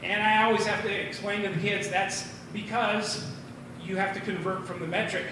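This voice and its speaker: This high-voiced American man from Minnesota, 40 or older, holds a steady tone while performing stand-up as an amateur at a bar open mic. His halting, rambling delivery keeps slipping into tangents, captured from afar in a very reverberant room with clear noise.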